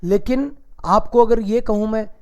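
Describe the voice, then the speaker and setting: A man's voice: sits high, measured pace, clear, resonant tone, highs cut off. A man teaching German grammar in a casual, chatty classroom style, teasing and asking rhetorical questions.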